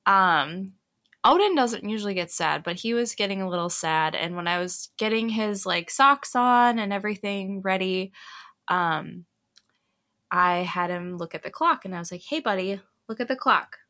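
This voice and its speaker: A woman's voice: medium pitch, normal speed. A young woman co-hosting a casual podcast, telling stories animatedly and acting out her children's voices. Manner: animated storyteller, acts out her kids' voices. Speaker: podcast co-host. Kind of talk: casual chat, storytelling.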